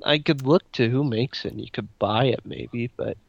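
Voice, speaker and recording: A man's voice: medium pitch, normal speed, vocal fry, muffled recording, a little hiss or hum. A young man from Wisconsin in casual chat, hesitant and full of ums and restarts. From Wisconsin, United States.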